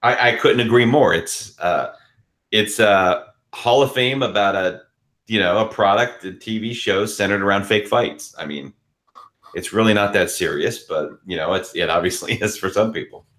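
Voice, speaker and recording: A man with a very low voice co-hosting a relaxed podcast. He rambles through his opinions and hedges them with plenty of fillers. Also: normal speed. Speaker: co-host. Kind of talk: casual podcast chat.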